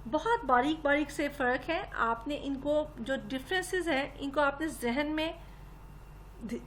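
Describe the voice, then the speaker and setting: High-pitched woman, teaching english step by step, patient, polite. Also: fairly bright tone, slight background noise. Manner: patient, explains step by step and addresses listeners as "janab". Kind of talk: spoken grammar lesson.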